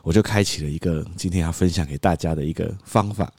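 A man, hosting a podcast and telling a story in a casual, animated way, acting out quotes and laughing often. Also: low voice, fast, slightly rough, dry recording, studio quality. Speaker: podcast host.

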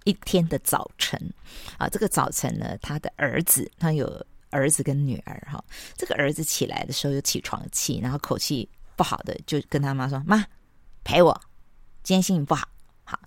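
A woman hosting a parenting podcast, chatty and sprinkled with soft laughs. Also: rumbling low, a little fast, gravelly, no room sound. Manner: chatty, with frequent soft laughs and tag particles. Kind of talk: casual podcast monologue.

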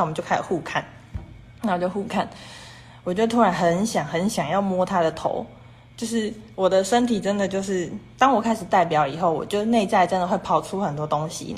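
A woman hosting a casual livestream, talking in long rambling runs strung together with "and then" and chatting with viewers about their comments. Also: lowish voice. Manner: rambling and repetitive, strings clauses with "and then". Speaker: livestream host.

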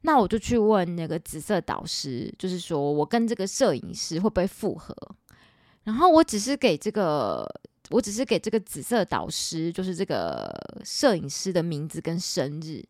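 A woman's voice: fairly low pitch, moderate pace, no room sound, clean studio sound. A woman in her forties with a Taiwanese Mandarin accent, hosting a podcast and telling a personal story in a chatty, dramatic way. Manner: animated, chatty, dramatic retelling with quoted dialogue. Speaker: podcast host.

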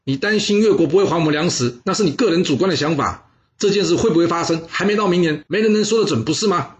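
A man voicing a scheming court minister in a storytelling recording, talking in a raised, sharp, rebuking way. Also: fairly high pitch, fast talker, muffled recording, pitched above the performer's own voice, lightly acted.

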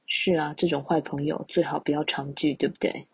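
A woman's voice: deep voice, level tone, a little fast, creaky, breathy edge. A woman podcast host who reads a classical tale aloud, then retells each passage in casual speech with chatty asides. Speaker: podcast storyteller.

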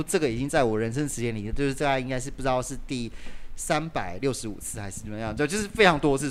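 A man, telling a personal story as a podcast guest, full of fillers. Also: medium pitch. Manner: animated, lots of "就是" fillers. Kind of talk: casual storytelling in a podcast interview.

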